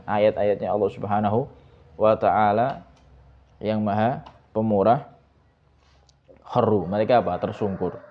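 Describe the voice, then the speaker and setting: Male ustaz, deep voice, dull lo-fi sound, teaching with constant questions to his class. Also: a little hiss or hum. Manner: asks students questions over and over, mixes in Javanese words. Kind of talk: Islamic pesantren lesson, reading Arabic text and explaining.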